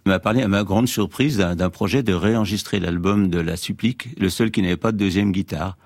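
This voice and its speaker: A man's voice: sits low, fairly quick, a little mellow, dry recording, clean studio sound. An older man, a guitarist, answering radio interview questions hesitantly and searching for his words. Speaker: guitarist guest.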